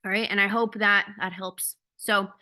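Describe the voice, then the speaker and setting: A woman's voice: medium pitch, level tone, normal speed, pushed and bright. A woman coach giving a casual, candid talk on a video call, blunt and swearing freely. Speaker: ADHD coach.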